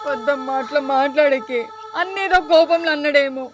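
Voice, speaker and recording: A woman's voice: high voice, brisk, natural voice. A woman with a Telangana accent playing a young daughter who comforts her mother and sternly confronts a liar. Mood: tender. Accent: Telangana Telugu. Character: fierce loyal daughter, protective and stern. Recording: film music underneath.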